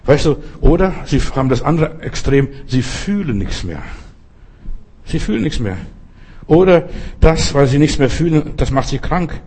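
Older guy pastor preaching, husky voice, slows way down to hammer points home. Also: fairly high pitch, expressive, a little mellow. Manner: preaching with slow emphatic repetitions. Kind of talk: sermon.

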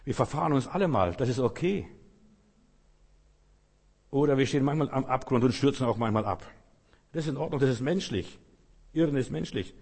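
A man preaching a sermon with emphatic swings between loud outbursts and quiet asides, acting out biblical speakers. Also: medium pitch, lively intonation, brisk, gravelly, pauses often, breathy edge, in a large hall. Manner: acts out biblical speakers in quoted lines.

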